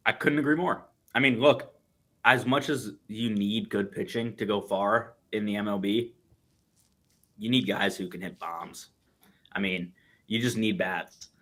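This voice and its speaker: Punchy low-voiced man, bright tone. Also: fairly even intonation, measured pace. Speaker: podcast co-host. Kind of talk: casual sports chat.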